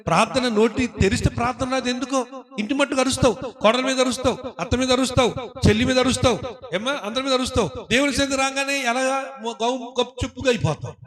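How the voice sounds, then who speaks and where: A male pastor preaches in a church with a high, bright voice. He keeps firing questions at his congregation and teasing them. He breaks into quick impressions of the people he talks about. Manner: animated, acts out voices of people praying and scolding. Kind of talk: sermon.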